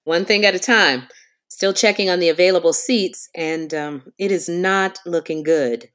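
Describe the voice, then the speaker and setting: A woman's voice: lowish voice, normal speed, a bit bright, lightly acted. A woman playing an unflappable, officious airline agent with a polished customer service voice in a comedic phone drama. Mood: placating, firm.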